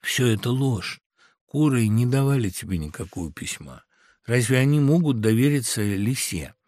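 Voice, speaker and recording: A man's voice: medium pitch, lively intonation, normal speed, darkish tone, no room sound, lightly acted. A man doing a mocking, hot-tempered woodpecker. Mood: mocking suspicion. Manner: mocking, blunt, argumentative.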